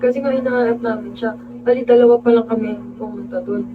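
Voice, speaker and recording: A woman's voice: fairly high pitch, steady tone, fast, over music. A woman hosting a casual livestream, telling a story with animation and greeting viewers as she goes. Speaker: livestream host. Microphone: phone. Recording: tinny phone-like audio with hum.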